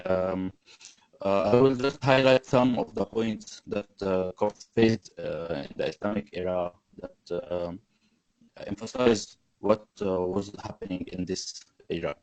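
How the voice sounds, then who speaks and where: A young man from Egypt, giving a halting webinar presentation full of fillers and restarts over a video call. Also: sits low, darkish tone, no echo, poor audio. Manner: hesitant, many fillers and restarts. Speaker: webinar panelist. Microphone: video call mic.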